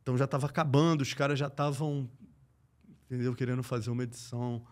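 A middle-aged man with a Brazilian accent, a guest telling a sports story in slangy, profane speech. He swings between loud and hushed and acts out the voices in his quotes. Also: mid-range voice, steady tone, fast talker. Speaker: podcast guest, combat sports journalist. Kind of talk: animated anecdote telling.

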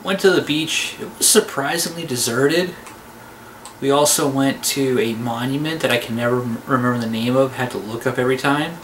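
Man, 40s, casual, relaxed voice-over, middle pitch, noisy home room. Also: normal speed. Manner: relaxed, offhand, trailing fillers. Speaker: vlogger. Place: small cluttered room at home, indoors.

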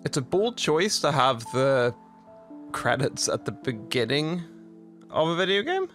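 A man's voice: on the high side, sing-song, measured pace, fairly bright tone, soft background music. Chatty man playing a game. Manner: chatty, laughs easily, rambling asides. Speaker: streamer. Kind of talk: let's play commentary.

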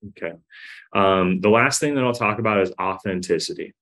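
A man's voice: fairly low pitch, fairly quick, a bit bright. A man teaching sales technique in a casual coaching tone, often checking in with "right?". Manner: coaching, demonstrates tones, says "right?" and "we wanna" often. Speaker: sales trainer. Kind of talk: instructional talk.

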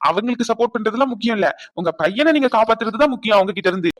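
A woman playing a quick-talking cartoon dad. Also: fairly high pitch, no room sound, clean studio sound, close to an everyday voice. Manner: quick, soothing, playful. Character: young father, teasing and tender. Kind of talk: cartoon voice acting.

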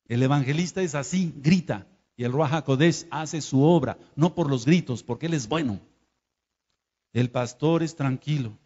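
A Mexican Spanish-accented man preaches with emphatic rhetorical questions, dropping quiet and then surging loud. His voice sits fairly high. The recording is dull and lo-fi, with a long reverb from a large hall. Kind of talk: sermon.

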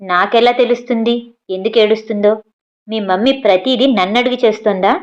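A woman's voice: fairly high pitch, moderate pace, highs cut off, natural voice. A woman reading an audio story voices a middle-aged husband who gives curt, dismissive replies.

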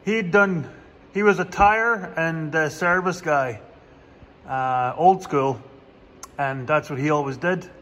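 A man's voice: a little high, a bit bright, in a large hall. A man, a farmer doing his own repairs, talking casually through the job in a plainspoken way with dry sarcastic humor, recorded in a farm workshop. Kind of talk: casual how-to vlog narration.

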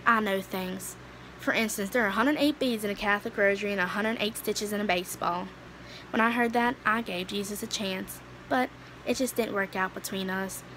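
A young adult woman reciting a dramatic monologue in a measured, conversational way, as an amateur actor. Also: mid-range voice, bright, forceful tone. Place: small indoor room, red wall. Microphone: phone at arm's length. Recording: noisy room ambience, phone recording.

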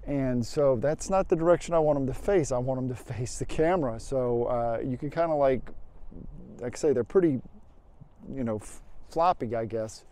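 A man's voice: medium pitch, normal speed. A man in his fifties, a landscape photographer, talking casually on a windy open hilltop outdoors through a lapel mic, thinking aloud as he explains his camera settings. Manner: relaxed, thinking aloud with fillers and restarts.

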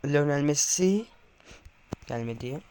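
A man's voice: a little high, takes it slowly, background noise. Nervous young man commentating his football match. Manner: tense and excited, calling player names, bursting into goal shouts. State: nervous, trembling hands. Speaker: gamer playing a football video game. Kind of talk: live gameplay commentary to viewers.

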